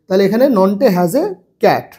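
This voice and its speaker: A man teaching English grammar to children, slowly repeating phrases and spelling words out letter by letter. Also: high voice, lively intonation, warm tone, slightly rough. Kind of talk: bilingual grammar lesson.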